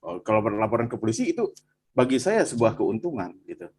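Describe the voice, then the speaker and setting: A man from Bandung, telling his personal testimony in animated conversation and often addressing the listener as "Pak". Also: on the low side, quick pace, slightly rough. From Bandung, Indonesia. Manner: animated storytelling, frequent "Pak" and "gitu".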